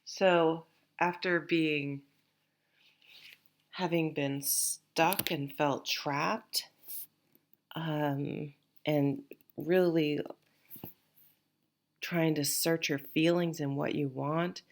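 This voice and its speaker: A stuffed-up, sniffly woman reads tarot casually, her allergies making her a bit nasal. She speaks low with fairly even intonation, extremely slowly, leaving long pauses, and her rambling, reassuring talk has many restarts and fillers.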